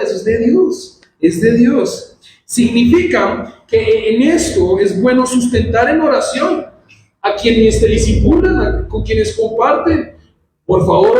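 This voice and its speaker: Pastor, man, very high voice, animated sermon; distant mic in a very echoey church hall. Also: noisy background. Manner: animated preaching, acts out quoted voices. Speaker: pastor teaching a church service.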